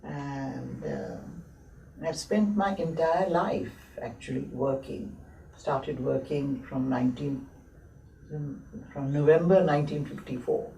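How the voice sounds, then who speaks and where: Older woman, 70s, unhurried reflective interviewee, gravelly and mellow, distant mic in an echoing room. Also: a bass voice. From born in Lahore, grew up in Abbottabad. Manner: many hesitant pauses and fillers. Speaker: interviewee, textile historian. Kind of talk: slow reflective reminiscing. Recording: roomy echo, mic at a distance, faint hiss.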